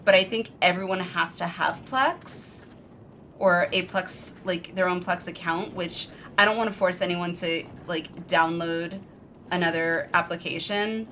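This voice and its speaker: A woman's voice: fairly low pitch, fairly even intonation, unhurried, sharp tone, slight background noise. A woman live streamer chatting casually with her viewers in an informal, rambling, self-deprecating way. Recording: music behind the voice. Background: background music.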